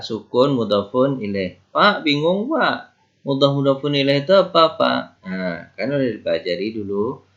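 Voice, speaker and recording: A male teacher explains grammar patiently at a mid pitch, stopping to ask his listeners questions and answer them himself. He builds each point with everyday examples. The recording is dull and lo-fi. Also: a bit bright. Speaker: Arabic teacher. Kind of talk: grammar lesson.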